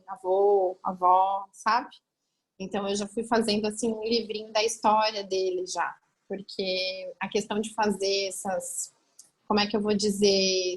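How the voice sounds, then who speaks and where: A woman's voice: medium pitch, fairly bright tone. A woman in her thirties, a group mentor, telling a personal story with emotion, acting out dialogue and restarting when moved.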